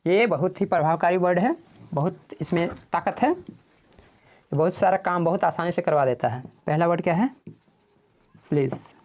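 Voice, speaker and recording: A man with a high-sitting, slightly mellow voice gives a spoken English lesson. He asks the class questions, answers them himself, and says English phrases slowly, word by word.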